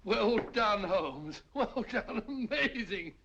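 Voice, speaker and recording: An actor playing a bluff, good-natured doctor and sidekick in a 1940s film, with a gravelly, hearty voice. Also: male voice, high-pitched, lively intonation, slow pace, a bit bright, slight background noise, full character voice. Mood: jovial. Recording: dull lo-fi old film soundtrack.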